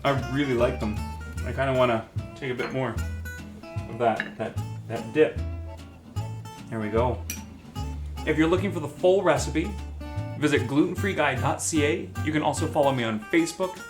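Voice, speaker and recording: A man's voice: mid-range voice, normal speed, long pauses. A man hosting a casual cooking demonstration, chatty and admiring, thinking aloud as he works in a kitchen. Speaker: cooking show host. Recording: echoey room with guitar music behind.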